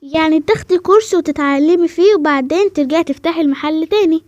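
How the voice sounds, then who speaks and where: A woman's voice: extremely high pitch, fast, a little mellow, dry recording. A woman with an Egyptian Arabic accent voicing a caring, encouraging mother in a voiced game role-play, speaking in a soothing, patient way.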